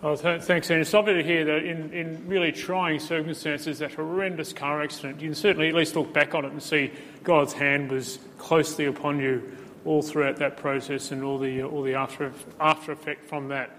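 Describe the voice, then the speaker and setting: A man interviews a church member in a gentle, affirming way, recorded in a church with a long reverb. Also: a little high, level tone, fairly quick, a little hiss or hum.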